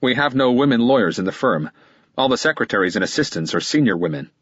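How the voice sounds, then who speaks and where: Man voicing a clipped defensive lawyer, husky low voice, dry muffled audiobook sound. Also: lively intonation, quick pace, no room sound, natural voice. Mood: curt, guarded. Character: guarded middle-aged male lawyer, curt and defensive.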